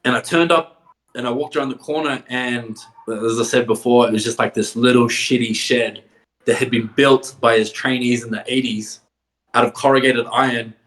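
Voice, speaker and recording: A man's voice: medium pitch, steady tone, normal speed, fairly bright tone. A man, a wrestler guest, telling stories casually. He swears freely, laughs often, and fills his speech with "like". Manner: swears a lot, laughs often, filler-heavy "like". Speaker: professional wrestler, podcast guest. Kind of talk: casual storytelling.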